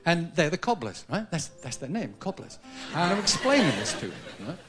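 A man's voice: a little high, sing-song, brisk, soft background music. A man hosting a talk show, chatting and telling jokey stories. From England. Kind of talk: live studio talk show banter. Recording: lo-fi VHS tape with loud studio audience and band.

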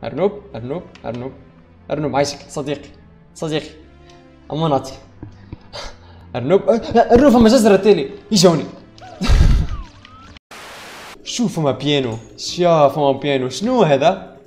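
A gaming streamer, animated and exclaiming, joking with the chat during live gameplay commentary. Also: medium pitch, a little fast, long pauses, faint music behind.

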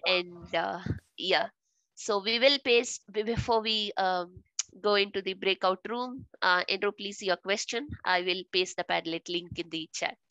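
A woman's voice: medium pitch, a little slow, bright, forceful tone, dry recording, dull audio. A woman facilitating a video call, explaining a task with many filler sounds and hesitations. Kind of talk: giving instructions in a video call.

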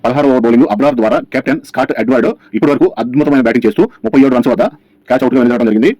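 A man's voice: mid-range voice, very fast, dark tone, no room sound. A man narrating a scripted cricket match recap as a channel host, rattling through scores over by over. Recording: dull, lo-fi sound.

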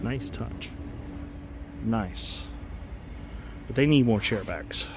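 Touring a large stadium outdoors, a man films a casual walking vlog with enthusiastic, rambling talk, often correcting himself mid-sentence. His medium-pitched voice draws out words over background noise.

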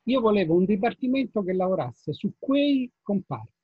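A man's voice: sits high, big pitch swings, normal speed, breathy edge, no echo. An older Italian man, a former trade unionist, telling anecdotes to an audience in an earnest, casual way that slips into swearing. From Italy. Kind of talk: storytelling talk to an audience. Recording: tinny phone-like sound, dry.

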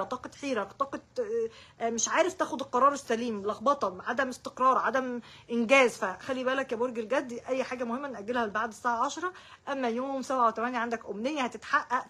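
A woman's voice: on the high side, a bit bright, husky. A woman with an Egyptian Arabic accent giving daily horoscope forecasts, rattling off short repeated words and speaking straight to each sign. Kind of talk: casual direct-to-viewer horoscope talk.

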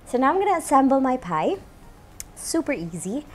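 Wearing a lapel mic, a female cooking-show host in her thirties chats brightly to the camera, sprinkling in "you know" as she prepares food in a homey indoor kitchen studio. She speaks at a normal pace in a high, sing-song, slightly mellow voice, and there's a little hiss or hum.

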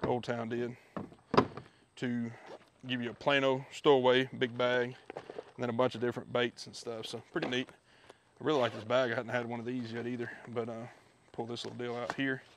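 A man giving a relaxed, chatty walkthrough of his gear outdoors, filmed on a head-mounted camera. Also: mid-range voice, normal speed, slight background noise. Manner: relaxed, chatty, with many fillers. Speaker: fishing video host. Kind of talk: casual product walkthrough. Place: backyard outdoors. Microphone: head-mounted action camera.

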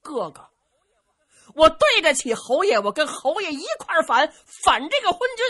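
A woman voicing a hot-headed young peasant man who shouts and sobs in an excitable, rash way. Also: very high voice, fairly quick, pitched above the performer's own voice, full character voice. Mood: fired up.

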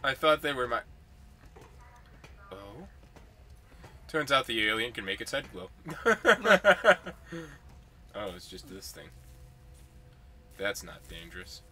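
Bright-voiced nervous gamer man. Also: fairly low pitch, measured pace, pauses often. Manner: nervous, jokey, drops to whispers. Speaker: gamer playing a horror game blind. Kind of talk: casual let's play chatter.

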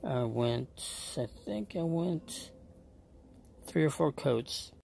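A man explaining his engine work in a casual, hesitant way, with frequent pauses and fillers as he goes step by step. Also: on the high side, lively intonation, vocal fry, dark tone, a little hiss or hum. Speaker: home car mechanic.

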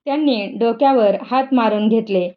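A woman narrating a storybook with a steady reading-aloud manner. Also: a little high, normal speed, lo-fi sound.

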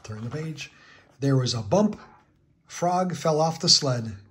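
A man reading a children's picture book aloud, with slow, clear storytelling narration. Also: on the high side, animated, fairly bright tone, a little hiss or hum.

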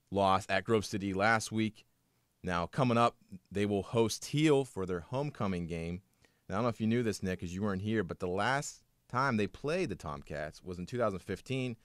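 A young man with a deep voice co-hosts a college sports podcast, recorded dry with clean studio sound. He reads scores and stats briskly in an upbeat promo tone, mixing the scripted recap with light, casual banter.

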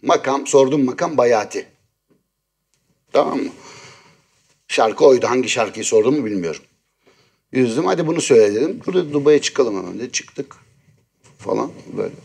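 Husky, lively male talk show host. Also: medium pitch, fairly quick, pauses often. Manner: animated, exasperated storytelling. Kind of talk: casual chat, telling a story.

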